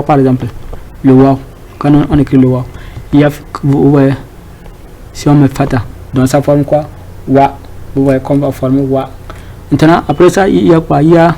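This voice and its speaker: A man's voice: mid-range voice, creaky, dark tone, a little hiss or hum, poor audio. A man giving an informal Arabic reading lesson, hesitant, with many fillers, repeated words and rhetorical questions to the class. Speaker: Arabic teacher.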